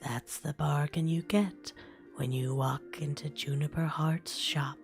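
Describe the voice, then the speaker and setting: A woman voicing a kindly, gravelly old woman who runs a wing-repair shop, in a slow, hushed ASMR roleplay with music behind. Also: deep voice, steady tone, pitched below the performer's own voice. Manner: hushed, slow, motherly whisper.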